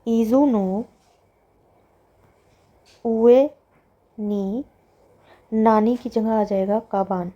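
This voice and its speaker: Woman language teacher; unhurried, careful delivery that stretches out each Japanese word, mellow tone. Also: on the high side, steady tone, dull audio. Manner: slow, careful explaining, drawing out the Japanese words. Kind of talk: explaining a textbook exercise.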